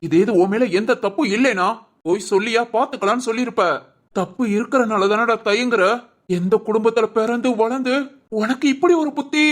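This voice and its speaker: Stern middle-aged uncle, played by an actor, indignant lecturing, raised voice, family comedy drama, mid pitch. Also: fairly quick, lightly acted. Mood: angry.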